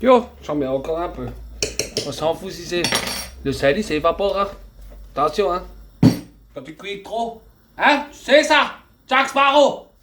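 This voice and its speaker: Man, cooking vlogger, casual and joking, slow delivery, bouncy intonation. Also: sits high, lively intonation, very noisy. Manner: chatty, joking, peppers speech with "hein".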